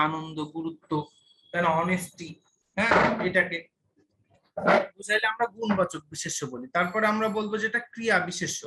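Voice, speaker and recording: A man's voice: high voice, bright, forceful tone. A young man, teaching an online class and checking understanding with repeated questions.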